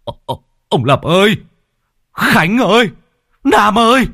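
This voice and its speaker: A man's voice: high voice, very animated, takes it slowly, a bit bright, no room sound, clean studio sound, voice pushed up, exaggerated voice. A man voicing an old village man who wails and shrieks in panic. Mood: panicked. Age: older. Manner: wailing, shrieking calls.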